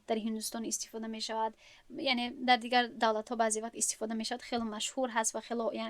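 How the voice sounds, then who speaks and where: A woman gives a recorded lesson on Quran recitation. Her voice sits fairly high, and it sounds dry and close with almost no room around it. She works through each point patiently and restates things in other words. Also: fairly bright tone, no room sound. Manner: patient, explains step by step and rephrases often.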